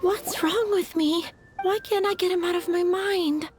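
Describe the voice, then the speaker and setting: A woman's voice: extremely high pitch, steady tone, unhurried. A woman playing a lovestruck young flower seller in a video game, with a sweet, wistful manner. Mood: dreamy. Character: dreamy, lovestruck young flower shop girl. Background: music.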